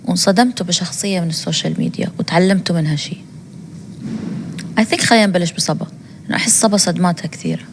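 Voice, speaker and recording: A woman hosts a casual interview and fires off probing questions at a brisk pace. Her voice sits at a middle pitch, with a faint background hum. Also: in a large hall. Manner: asks quick probing questions.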